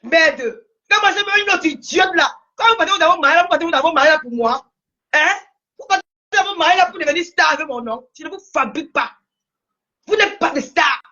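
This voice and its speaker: Angry Cameroonian woman ranting, high voice. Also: animated, fairly quick, bright, forceful tone, highs cut off. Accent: Cameroonian French. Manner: heated, repetitive, scolding, voice breaking at times. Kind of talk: angry social media rant.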